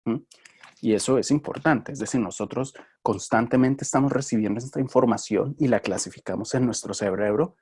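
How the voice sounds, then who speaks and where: A man's voice: medium pitch, brisk, a little mellow, husky. A man giving a phonetics lesson, hesitant, with many fillers and restarts, often checking in with his students. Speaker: phonetics teacher. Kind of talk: recorded lecture.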